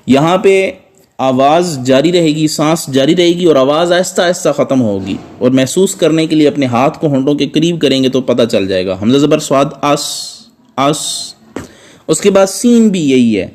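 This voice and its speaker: A man with a somewhat high voice teaches a recitation class. He works step by step and repeats each sound carefully so students can imitate it. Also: darkish tone. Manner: patient, repeats sounds slowly to model pronunciation. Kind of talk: step-by-step tajweed lesson.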